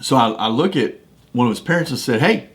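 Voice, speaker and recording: A man hosts a faith-based podcast, speaking into a studio microphone. He talks in a casual, folksy way, restarting phrases as he tells a personal story. His pitch sits in the usual middle range for a man. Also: lively intonation, fast. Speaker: podcast host.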